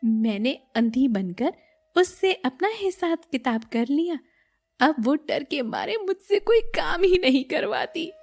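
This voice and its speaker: Woman voicing a sly young bahu, high voice, complains a lot, cartoon. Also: sing-song, measured pace, darkish tone, full character voice. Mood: gleeful. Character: fed-up young daughter-in-law, scheming.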